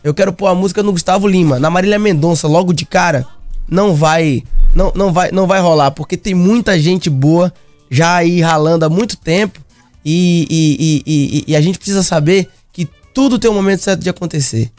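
Bahian man, halting and higher-pitched. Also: a little mellow, dry recording, soft background music. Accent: Bahian Portuguese. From Bahia, Brazil. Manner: halting, many repeated words and restarts. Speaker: songwriter guest. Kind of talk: casual interview talk.

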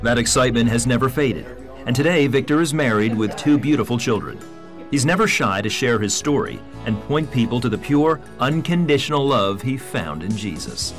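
A man reading scripted documentary narration in a measured, even way. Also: medium pitch, faint music behind.

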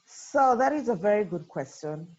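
A woman's voice: medium pitch, animated, moderate pace, a little mellow, breathy edge, dull audio. A woman in her forties from Kenya, a podcast guest talking earnestly and reflectively, with many fillers. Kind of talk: casual interview.

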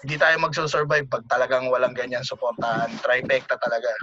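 A man's voice: mid-range voice, fairly even intonation, fast talker, a crowd in the background. A man in a casual group chat about the music scene, talking bluntly with frequent swearing and tag questions. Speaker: band member, podcast guest. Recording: muffled lo-fi audio with clear background noise.

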